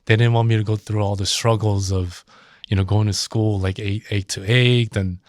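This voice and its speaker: A man's voice: on the low side, fairly even intonation, normal speed, dry recording, clean studio sound. A modest, slightly hesitant man from South Korea, a dentist guest chatting in an interview. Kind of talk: casual interview chat.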